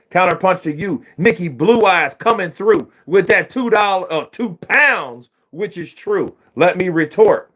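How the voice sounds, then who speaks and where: A male livestream host with a fairly high, very lively voice that rises and falls a lot. He talks unhurriedly in a casual chat style, greeting and thanking viewers one by one. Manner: thanks viewers by name, hypes up loudly.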